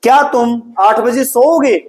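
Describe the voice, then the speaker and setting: A man with an Indian accent and a fairly high voice runs a classroom English drill. He fires questions in Hindi and has students answer in English. He calls the students "beta" and praises them often. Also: steady tone, measured pace. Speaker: English teacher.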